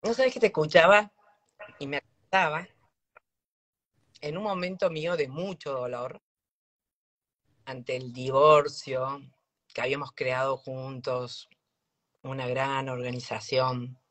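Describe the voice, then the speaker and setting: A woman's voice: rumbling low, steady tone, takes it slowly, pauses often, a bit bright. A woman host, telling a personal story in a heartfelt, casual chat.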